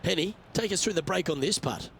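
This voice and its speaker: A man's voice: sits high, expressive, fairly quick, gravelly, background noise. A man playing a golf broadcast lead commentator in a video game, reacting to shots in short phrases. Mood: engaged.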